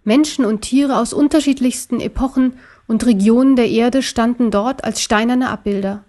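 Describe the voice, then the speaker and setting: A woman narrating a children's story in a steady, measured reading voice. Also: a little high.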